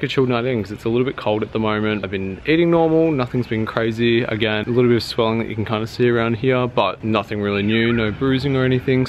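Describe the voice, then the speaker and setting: Young male vlogger, quick and chatty, speaking informally to camera over noticeable ambient noise. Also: fairly low pitch. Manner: chatty, informal, frequent filler 'like'. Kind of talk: casual video diary to camera.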